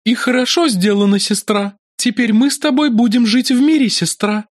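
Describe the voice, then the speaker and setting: A man voicing a calm, commanding, goddess-like woman with a measured, ringing way of speaking in an audiobook. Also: extremely high pitch, no echo, studio quality, voice pushed up. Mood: serene, tender. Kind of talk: audiobook character voice.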